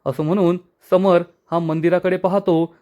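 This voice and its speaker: A man's voice: sits high, little pitch movement, moderate pace, lo-fi sound. A man retelling a TV serial episode plot step by step as a storyteller, addressing listeners as friends.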